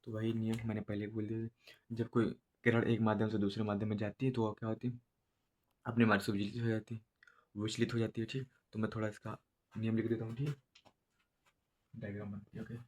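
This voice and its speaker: Flat-voiced man teaching slowly. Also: on the low side. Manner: slow, repetitive explaining with many filler checks. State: has a headache. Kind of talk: board exam lesson. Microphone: no proper voice recorder.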